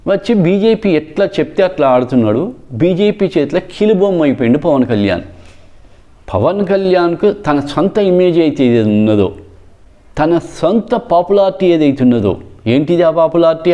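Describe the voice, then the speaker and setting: A man's voice: a little high, mellow. A man giving a solo political commentary, emphatic and repetitive in short punchy phrases. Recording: dull lo-fi sound.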